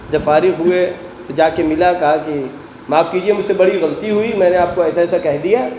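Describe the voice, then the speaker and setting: Speaking in a high, warm voice, a man gives a Friday sermon at a mosque, asking his congregation questions he then answers himself. Recited Quranic verses fill the echoey hall, where faint background noise can be heard.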